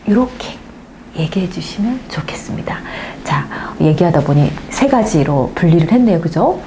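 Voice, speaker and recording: A middle-aged woman marriage counselor giving gentle, reassuring advice to camera, acting out the lines she quotes. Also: on the low side, a little hiss or hum.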